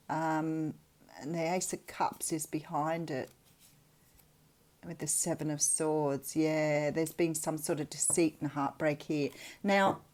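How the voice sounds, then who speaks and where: An Australian woman who hosts a channel gives a casual tarot reading, chatty, reflective and conversational. Her voice is deep and a little mellow.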